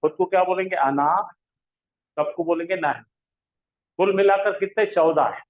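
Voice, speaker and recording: A man's voice: sits high, moderate pace. Man teaching over a tinny echoey line. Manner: drills pronouns with call-and-response questions. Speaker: Arabic grammar teacher. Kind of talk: classroom lesson.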